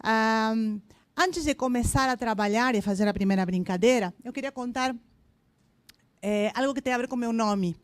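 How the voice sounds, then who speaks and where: A woman's voice: fairly high pitch, moderate pace, no room sound. A woman in her fifties from Argentina, with an Argentine accent, giving a chatty, joking talk at a corporate event with hesitant fillers. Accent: Argentine Spanish. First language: Spanish. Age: 50s. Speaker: invited speaker.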